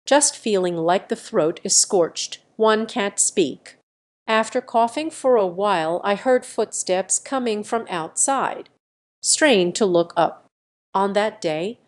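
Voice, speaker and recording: Woman narrating a first-person audio story. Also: medium pitch.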